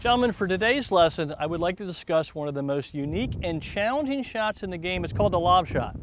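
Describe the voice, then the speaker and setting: A man's voice: high voice, animated, quick pace, a little hiss or hum. A man working as a golf commentator and instructor, speaking in an encouraging, praising manner. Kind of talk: golf commentary and short game lesson.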